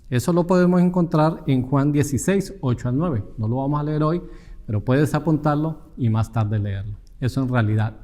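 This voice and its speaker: A man's voice: mid-range voice, darkish tone, in a large hall. A man preaching a sermon in an earnest teaching tone, asking the congregation rhetorical questions.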